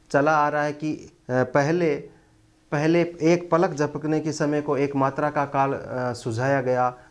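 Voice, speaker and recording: A male Hindi grammar teacher gives an online lecture in a slightly high voice. He talks slowly and deliberately, filling pauses with many long, drawn-out "a" sounds.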